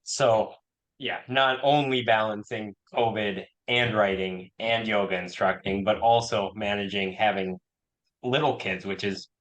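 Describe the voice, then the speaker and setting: A man's voice: lowish voice, fairly even intonation, unhurried, fairly bright tone, poor audio. Podcast host, man: easygoing, slightly hesitant interviewer in a casual chat. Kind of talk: casual interview on a video call.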